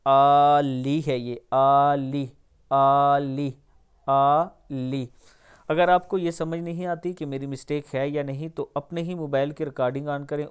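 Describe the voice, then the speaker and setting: A man with a Pakistani Urdu accent teaching the pronunciation of a prayer, drawing each word out slowly, then explaining quickly. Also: fairly high pitch, clean tone. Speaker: Quran recitation teacher. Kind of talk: pronunciation lesson.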